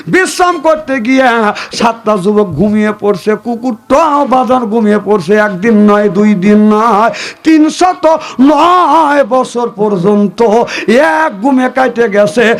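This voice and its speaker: A man from Bangladesh preaching a waz sermon, telling a story in a sing-song style with sudden high exclamations and calls for the crowd to respond.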